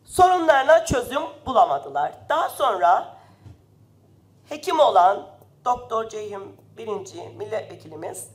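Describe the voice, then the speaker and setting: A woman's voice: medium pitch, sing-song, normal speed. A woman member of parliament, giving an impassioned, indignant speech at a rostrum microphone in a parliament chamber while slightly ill. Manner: impassioned, indignant, rising to loud emphasis.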